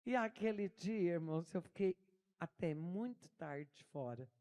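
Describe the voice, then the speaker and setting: A woman's voice: on the low side, expressive, measured pace, warm tone. An older woman pastor with a Brazilian Portuguese accent, preaching a sermon full of personal stories and calling out to her congregation. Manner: emotional, storytelling, addresses congregation as brothers.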